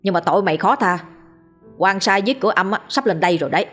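A woman voicing a gruff older male exorcist who scolds and mocks a ghost harshly. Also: mid-range voice, expressive, rapid-fire, faint music behind, natural voice. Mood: stern. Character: gruff old male exorcist, mocking and stern.

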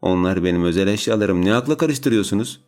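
A man's voice: lowish voice, expressive, quick pace, darkish tone, faint music behind, natural voice. A man voicing a proud, defiant teenage girl with magic powers who talks back to her aunt in an audiobook. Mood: indignant.

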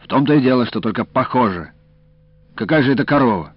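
A man's voice: mid-range voice, expressive, fast, breathy edge, dry recording, pitched above the performer's own voice. A man voicing a stern male procurement official who questions people in curt, bureaucratic bursts. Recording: dull, dry lo-fi audiobook recording.

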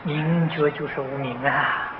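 An older man giving a slow, patient lecture on a Buddhist sutra, filling pauses with drawn-out "ah" sounds and clearing his throat now and then. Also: on the high side, steady tone. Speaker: Buddhist teacher. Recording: dull, roomy, noisy old tape of a lecture hall.

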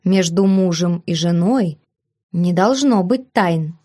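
Woman playing a confident husband, lazy drawl, calm mockery, lowish voice. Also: no room sound, studio quality. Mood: teasing. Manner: lazy, unhurried, mocking calm. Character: lazy, teasing young husband, self-assured.

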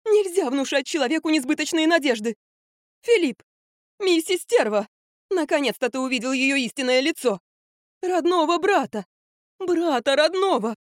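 A shrill, screeching middle-aged mother in an audiobook, as a woman narrator puts her on. She pitches high and hurls accusations at full tilt, in a dry, close sound. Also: animated, moderate pace, dry recording. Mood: indignant. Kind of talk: audiobook character voice.

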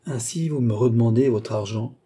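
A man's voice: medium pitch, moderate pace, mellow, husky, lightly acted. A man reading a proud cardinal prince in financial distress, haughty yet anxious and pleading. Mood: anxious pride.

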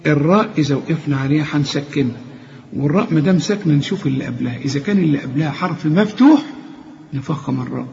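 Egyptian guy teaching recitation, kinda high voice, chants words slowly, dull muffled recording. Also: expressive, gravelly, a little mellow, slight background noise. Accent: Egyptian Arabic. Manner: explains step by step, then chants words slowly. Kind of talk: tajweed lesson with chanted examples. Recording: dull lo-fi recording with long reverb.

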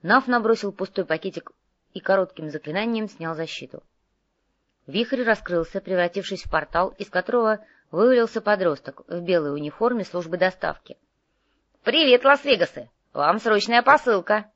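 A woman reading a fantasy novel aloud in measured, even storytelling. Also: lowish voice, no echo, dull audio. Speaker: audiobook narrator. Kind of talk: scripted narration.

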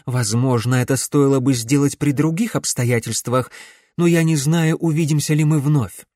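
A man reading an audiobook, voicing a stern middle-aged woman necromancer who speaks in a measured, insistent way. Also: mid-range voice, a little mellow, no echo, studio quality, voice pushed up, natural voice.

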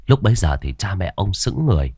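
A man narrating a scripted horror story with expressive storytelling. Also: sits low, brisk.

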